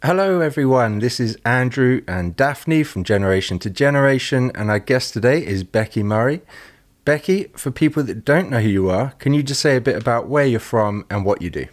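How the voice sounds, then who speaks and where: A man's voice: mid-range voice, expressive, brisk. A man co-hosting a podcast, asking questions in a friendly, jokey way. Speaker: podcast co-host. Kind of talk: podcast interview.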